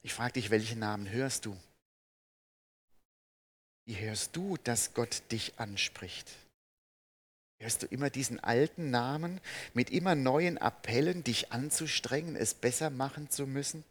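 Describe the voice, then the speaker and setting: Earnest German-speaking preacher man. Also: mid-range voice. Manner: earnest, rises to emphatic peaks then drops soft and slow; addresses listeners directly with questions. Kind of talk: sermon.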